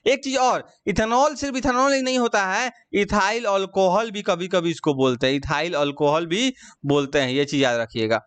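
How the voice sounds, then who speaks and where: High-voiced, crisp male chemistry teacher. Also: normal speed, a bit bright, dry recording. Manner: explains step by step, checks understanding often. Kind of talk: classroom lecture.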